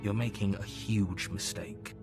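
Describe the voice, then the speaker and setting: Man acting a low, stern game narrator. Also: steady tone, music in the background, natural voice. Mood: stern warning. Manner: grave, measured, theatrical. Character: stern, disapproving male storybook narrator urging the hero on. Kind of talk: dramatic scripted video game narration.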